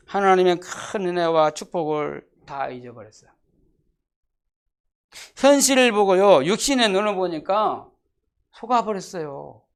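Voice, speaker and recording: A pastor preaching a sermon, emphatic and repetitive, asking the congregation rhetorical questions and dropping from loud declarations to hushed asides. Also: mid-range voice. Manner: emphatic, repeats key phrases, asks the congregation rhetorical questions. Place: church sanctuary.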